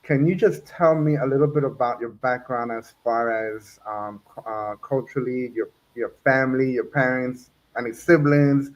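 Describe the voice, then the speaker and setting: A man's voice: medium pitch, moderate pace, hardly any pauses, muffled recording. A man from New Jersey hosting an interview, chatty and laughing often, with many fillers. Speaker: podcast host. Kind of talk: casual interview.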